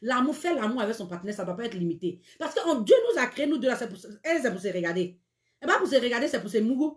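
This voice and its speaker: Woman doing live dating advice, kinda high voice, blunt and teasing, echoey room. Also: very animated, rapid-fire. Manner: frank, teasing, repeats catchphrases. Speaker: live-stream dating show host. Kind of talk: casual live-stream advice talk.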